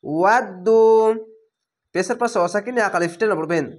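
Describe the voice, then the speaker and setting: Bengali-accented male Quran teacher, patient drawn-out syllable-by-syllable delivery. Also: sits high, fairly bright tone. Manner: slow, syllable by syllable, drawn-out vowels. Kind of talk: slow spelled-out recitation lesson.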